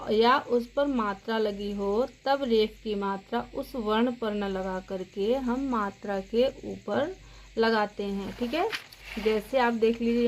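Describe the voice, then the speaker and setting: Slow, patient woman teaching children. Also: on the high side, slight background noise. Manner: slow, patient, spells out sounds syllable by syllable. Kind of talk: children's grammar lesson. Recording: dull lo-fi sound.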